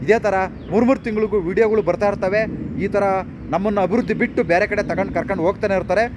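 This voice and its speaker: Male commentator, rapid-fire rhetorical ranting, raised pitch, faint street traffic behind. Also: steady tone. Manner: rhetorical questions, repeated phrases. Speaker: political commentator. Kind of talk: impassioned monologue.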